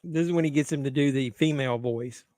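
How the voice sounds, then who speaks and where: A man's voice: medium pitch, fast talker, a little mellow, dry recording, studio quality. Joking man hosting a livestream. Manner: crude, joking banter with chat. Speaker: livestream host. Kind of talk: casual watch-along chat.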